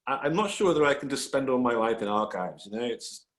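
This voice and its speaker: A man's voice: medium pitch, expressive, fast talker. Enthusiastic rambling male storyteller, roomy echo. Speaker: author guest. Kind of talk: casual panel talk.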